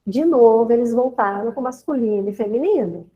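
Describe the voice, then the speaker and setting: Brief: Brazilian woman teacher, high voice, lively storyteller who acts out classroom exchanges. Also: a little fast, phone-quality sound. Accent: Brazilian Portuguese. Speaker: schoolteacher sharing classroom experience. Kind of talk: informal spoken account in a course discussion.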